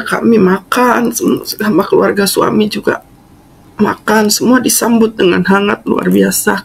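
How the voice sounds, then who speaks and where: A middle-aged woman, once a singer, shares her faith testimony at church, telling it slowly and earnestly with fond laughter along the way. Her mid-range voice is creaky and slightly rough, and the audio quality is poor.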